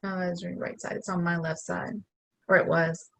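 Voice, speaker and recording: A woman co-host who repeats tapping affirmations back and then chats in a relaxed, laughing way. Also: fairly low pitch, moderate pace, gravelly.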